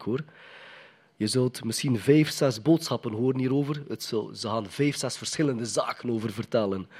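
Husky-voiced preacher. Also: male voice, medium pitch, darkish tone. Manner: conversational, emphatic, asks the congregation questions. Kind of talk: sermon.

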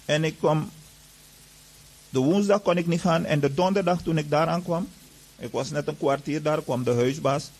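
A man tells his story of faith to an audience, earnest and full of reported back-and-forth. His voice sits a bit high, with a gravelly, husky edge. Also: moderate pace, darkish tone, rough recording. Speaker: churchgoer giving a testimony. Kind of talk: personal testimony told to an audience.

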